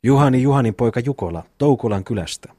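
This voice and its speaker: Boastful, blunt young peasant brother, read by a man, low and husky, dry close sound. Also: darkish tone, no room sound. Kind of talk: audiobook reading of a classic novel.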